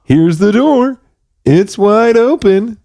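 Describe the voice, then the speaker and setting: A big friendly cartoon bear, as a man puts him on, speaking in a raised, gentle, sing-song voice. He is slow and soothing like a children's TV host, and his pitch swings up and down a lot. The sound is dry and close. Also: lively intonation, vocal fry, no echo, full character voice. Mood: cheery.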